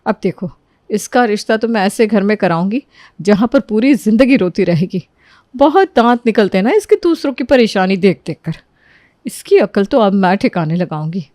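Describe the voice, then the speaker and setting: A woman's voice: medium pitch, animated, moderate pace, mellow, no echo, studio quality, close to an everyday voice. A woman voicing a touchy, vindictive middle-aged aunt who complains and scolds in a cartoon story. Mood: spiteful scheming. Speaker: Bua ji, the visiting aunt.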